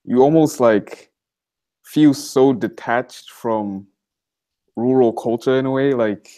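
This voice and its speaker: A man's voice: medium pitch, slow pace. An eighteen-year-old man from Malawi, a college student, talking casually as an interview guest over a video call from a library study room, with lots of "like" and "you know.". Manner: relaxed, conversational, many fillers like "like" and "you know".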